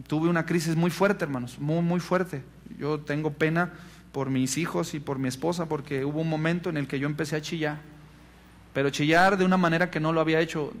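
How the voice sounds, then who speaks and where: Earnest pastor preaching. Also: male voice, on the high side. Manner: earnest preaching, emphatic rises on key words; turns soft and confessional when telling a personal story. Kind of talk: conference talk to pastors.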